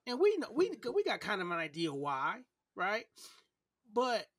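A high-voiced man in his thirties holds forth on a casual podcast. He is opinionated and emphatic, circling back over his words to press a point. The sound is close and dry. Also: huge pitch swings, a little slow, a bit bright, no echo. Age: 30s. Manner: emphatic, opinionated, repeats himself. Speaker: podcast co-host. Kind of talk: casual opinionated debate chat.

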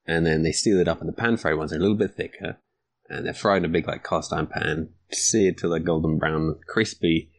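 A man's voice: rumbling low, steady tone, fairly quick, no room sound. A man chatting casually on a podcast, laughing as he describes food. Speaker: podcast guest.

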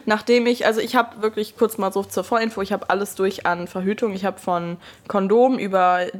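A young woman, co-hosting a casual chat podcast and telling stories in a lively, chatty way, acting out quotes and laughing often. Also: mid-range voice, brisk. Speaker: podcast co-host.

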